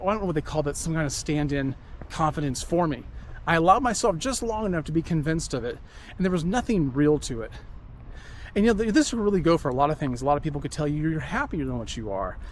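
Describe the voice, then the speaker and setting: Out on a walk, this vlogger delivers an earnest, reflective monologue, wandering off and circling back to the same points. The man's voice is a little high, and the recording carries a faint hiss or hum.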